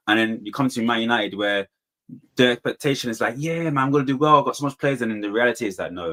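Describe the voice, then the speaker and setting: A man's voice: medium pitch, fairly bright tone. A man in a casual football debate, slangy and repeating points for emphasis. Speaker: football fan panellist.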